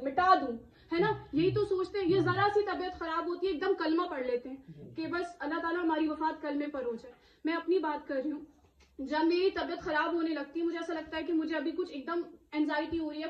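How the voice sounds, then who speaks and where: Very high-voiced woman preaching in an echoey hall. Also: dull audio. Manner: impassioned, rhetorical questions, frequent "isn't it?" asides. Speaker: Islamic speaker addressing a women's gathering. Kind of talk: emotional religious talk to a live audience.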